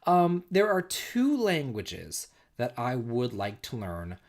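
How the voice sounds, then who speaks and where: A man in his forties from the United States hosts a casual livestream, a bit tipsy, rambling and repeating himself as he tells stories and reads chat. His mid-range voice swoops wildly in pitch, and he talks slowly.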